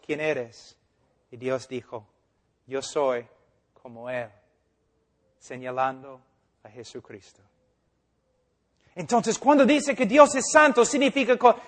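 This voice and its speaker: Slow, high-voiced preacher. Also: male voice. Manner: swings from hushed to loud and emphatic. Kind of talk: sermon.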